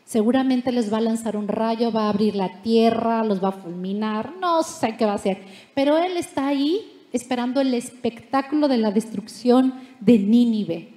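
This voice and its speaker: High-voiced woman preaching. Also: normal speed, reverberant. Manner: lively storytelling, playful asides. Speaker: pastor. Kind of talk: sermon. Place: church.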